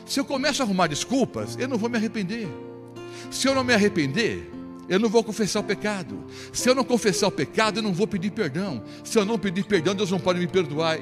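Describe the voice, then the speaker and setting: A man's voice: high-pitched, long reverb tail. A man preaching a sermon as pastor, emphatic and full of rhetorical questions to the congregation.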